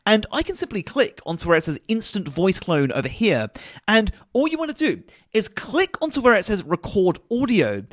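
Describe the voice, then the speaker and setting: A man hosting a software tutorial, walking through each click step by step in an instructive manner. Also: high voice, no room sound, clean studio sound. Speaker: tutorial host. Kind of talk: screen-recorded software tutorial.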